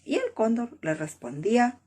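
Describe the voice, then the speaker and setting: A woman telling a children's story in a slow, expressive way, with a husky, breathy voice and whispered asides. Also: fairly high pitch.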